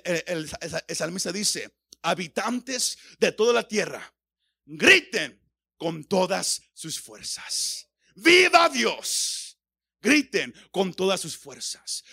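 A man preaching a sermon, stammering through restarts and building his voice up into shouts. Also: high-pitched, vocal fry, dry recording, clean studio sound. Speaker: pastor.

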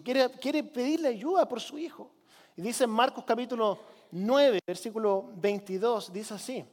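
A man's voice: very high-pitched, in a large hall. A man preaching a sermon as pastor, urging his congregation to repeat lines with him. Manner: preaching with call-and-response to the congregation. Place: church.

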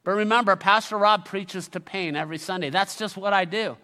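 A man's voice: sits high, brisk, sharp tone. A man preaching a church sermon as a pastor, emphatic, repeating key phrases and prompting his listeners. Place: large reverberant room, preaching to a congregation. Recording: reverberant hall sound.

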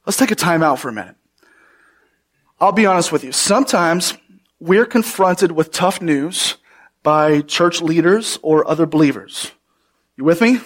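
A man's voice: a little high, lively intonation, a little slow, long pauses. A man preaching a sermon as pastor, earnest and emphatic, putting rhetorical questions to his congregation.

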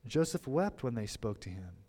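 A man preaching from scripture in a mid-range voice that swings from loud, punchy emphasis to hushed asides. He asks his listeners questions and then answers them in a casual, conversational way. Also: mid-range voice, moderate pace. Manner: animated, with big swings between loud emphasis and quiet asides. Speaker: pastor. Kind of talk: expository sermon.

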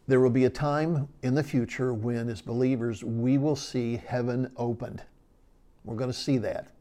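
A man teaching a sermon on a Bible passage, earnest and explanatory, slowing down to stress key words. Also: mid-range voice, warm tone.

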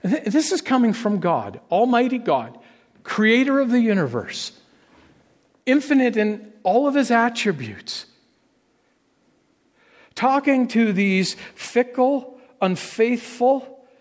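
A man's voice: very high-pitched, in a large hall. A man preaching a sermon as a pastor, earnest and conversational, building up to emphatic peaks on key phrases.

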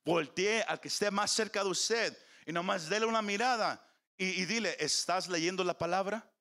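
A man's voice: sits high, moderate pace, bright, forceful tone. A man preaching a sermon in a church, calling on the congregation and slipping into English phrases. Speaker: pastor. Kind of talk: bilingual sermon.

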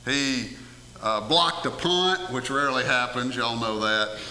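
Folksy preacher in an echoey church. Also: male voice, mid-range voice, expressive, measured pace, pushed and bright, a little hiss or hum. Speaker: pastor. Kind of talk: sermon. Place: church sanctuary. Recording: echoey hall with long reverb.

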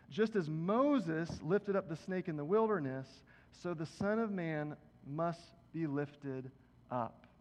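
A man preaching a sermon, reading scripture aloud and talking to the congregation in a casual way. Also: fairly high pitch. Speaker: pastor. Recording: dull, reverberant hall.

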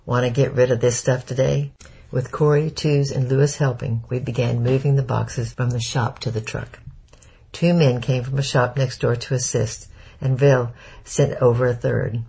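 A man narrates a story in a low, gravelly voice with a heavy husky grain. His tone is dark and mellow, and his reading stays steady and measured. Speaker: audiobook narrator. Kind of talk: scripted first-person narration.

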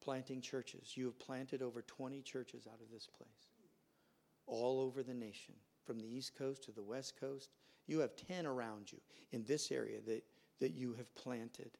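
A male pastor preaches to his congregation in a church, telling stories and acting out the people in them. His voice is gravelly and sits at an ordinary pitch, neither high nor low. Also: steady tone, normal speed, darkish tone. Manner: storytelling, acts out quoted voices. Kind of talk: sermon. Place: church sanctuary.

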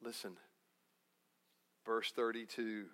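A man's voice: fairly low pitch, little pitch movement, takes it slowly, sharp tone. Folksy guy preaching a sermon, corny jokes, repeats stuff, takes his time. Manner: folksy, jokey, emphatic repetition. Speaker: pastor.

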